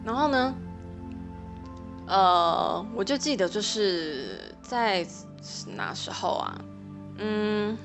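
A young woman at a mid-range pitch tells a personal story as a podcast host. She rambles casually with lots of fillers, and her voice flares up when she recounts an argument. Music plays behind her. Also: big pitch swings, drawn-out words, gravelly, long pauses. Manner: chatty, rambling retelling with many fillers, flaring up when recounting quarrels.

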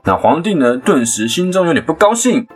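Animated Taiwanese-accented male storyteller. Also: on the high side, breathy edge, soft background music. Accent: Taiwanese Mandarin. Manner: chatty, animated retelling with quick asides and laughs. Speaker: podcast host, storyteller. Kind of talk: casual storytelling podcast.

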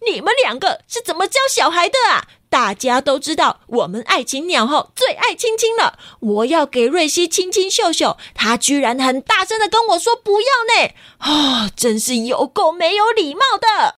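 A woman putting on a shrill fussing grandma bird. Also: very animated, normal speed, few pauses, no echo, studio quality. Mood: indignant. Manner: shrill, scolding, loud. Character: fussing old grandma lovebird, quick-tempered.

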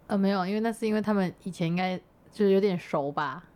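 A young woman podcast co-host with a Taiwanese Mandarin accent, firing off quick reactive questions and teasing in casual chat. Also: medium pitch, mellow, clear, resonant tone.

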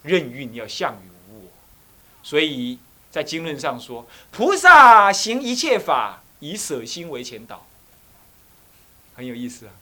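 A man's voice: a little high, unhurried. Taiwanese abbot guy preaching, tells stories, swings his voice all over. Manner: animated storytelling, acts out scolding voices, asks the listeners questions. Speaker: abbot and Buddhist teacher. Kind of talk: dharma talk with personal stories.

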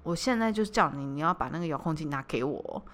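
A man's voice: fairly high pitch, animated, fast talker, fairly bright tone. Woman doing her bossy angry little brother. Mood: demanding. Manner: demanding, threatening. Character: angry younger brother, boy.

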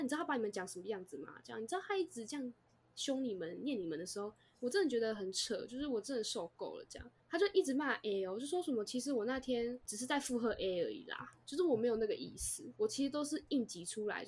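A young woman, co-hosting a podcast and telling a story in casual, animated chat. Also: a little high, husky. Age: young adult. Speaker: podcast co-host.

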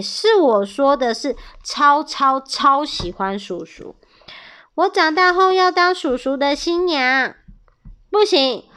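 Two little triceratops sisters from a children's storybook, voiced by a woman, childlike and quick to bicker. The voices sit high and bright. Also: exaggerated voice.

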